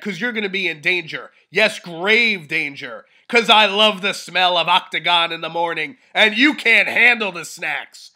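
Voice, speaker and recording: A man in his thirties delivering a wrestling promo, with theatrical mock-tough trash talk and emphatic, dramatic pauses. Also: high voice, bright, forceful tone. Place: small living room, indoors.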